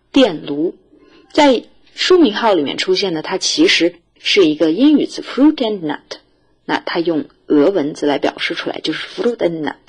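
A woman teacher explaining vocabulary and grammar to students in a recorded lesson, then reading model sentences aloud for them to repeat. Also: medium pitch. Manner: lively, clear explaining tone, reads model sentences for repetition. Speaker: Russian language teacher.

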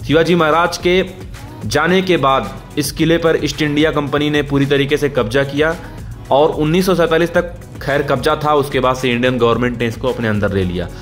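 A man's voice: fairly high pitch, brisk, faint music behind. A young man giving an informal voice-over narration for a vlog, telling the history of a fort and speaking to viewers as friends. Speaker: vlogger narrating.

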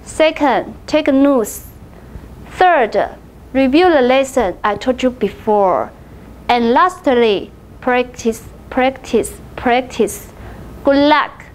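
A Taiwanese woman with a high, light voice leads a Mandarin lesson. She speaks very slowly and deliberately, spacing every word apart and coaxing learners to repeat after her. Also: lively intonation, a little hiss or hum. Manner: slow, encouraging drill repetition. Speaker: Mandarin teacher. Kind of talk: online language lesson.

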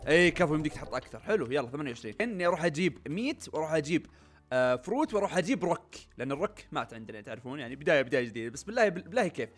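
This gaming YouTuber, a young man with a voice on the high side, chats excitedly with viewers while he plays a video game. It's casual let's-play commentary, with faint game music in the background.

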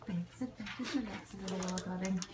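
A woman's voice: medium pitch, fast talker. A middle-aged woman chatting casually as a mother, speaking soothingly and with endearments to her daughter. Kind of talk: casual chat. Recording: clearly noisy room recording.

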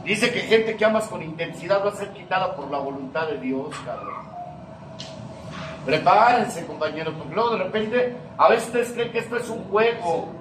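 Mexican man, high voice, emphatic slang-heavy recovery testimony; distant mic in an echoey room. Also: normal speed, noisy background. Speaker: speaker sharing his recovery testimony.

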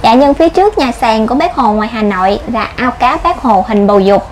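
A woman's voice: fairly high pitch, animated, fairly quick, slight background noise, poor audio. A woman tour guide giving a formal, polite explanation outdoors at a heritage site. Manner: formal and polite, starts lines with "dạ".

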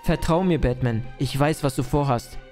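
A man's voice: medium pitch, moderate pace, darkish tone, faint music behind. A man in a game roleplay, talking in a cocky, theatrical, mock-serious way. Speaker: roleplay player and video creator.

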